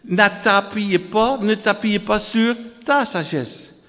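Slow and a bit bright, this high male voice belongs to a Dutch preacher from the Netherlands. He quotes scripture, repeats phrases in lists and calls out to his congregation, all echoing with long hall reverb.

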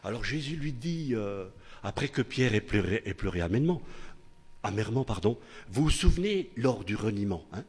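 An older man with a low, husky voice delivers a sermon, his pitch rising and falling widely as he talks. He preaches conversationally, keeps checking in with his congregation and restarts his phrases. His voice rings with the long reverb of a church hall. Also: big pitch swings, moderate pace. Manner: chatty preaching, many tag questions, restarts.

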